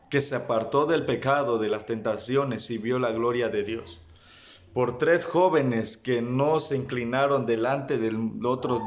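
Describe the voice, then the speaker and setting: A man preaching a sermon, speaking straight to his listeners and rising in fervor. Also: medium pitch. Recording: dull lo-fi sound.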